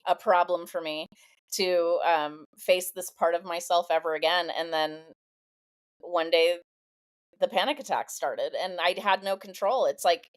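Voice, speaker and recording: A woman guest with a slightly low, even voice shares her life story on a podcast. She speaks candidly and reflectively, pausing and reaching for words with frequent fillers as she goes. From Southern California. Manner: thoughtful, candid, halting with many fillers.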